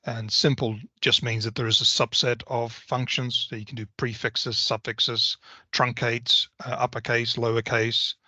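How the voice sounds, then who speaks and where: A man on a video call gives a methodical, explanatory software walkthrough. His voice is bright and forceful, and it sounds dry and close. The call audio is a little dull and lo-fi. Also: mid-range voice, dry recording. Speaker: software presenter. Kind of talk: technical product walkthrough.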